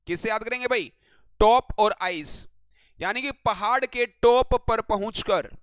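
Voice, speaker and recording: A man's voice: high-pitched, a bit bright, clear, resonant tone, dry recording. An Indian man teaching English vocabulary in a live online class, greeting viewers by name and repeating each word as a question for the class.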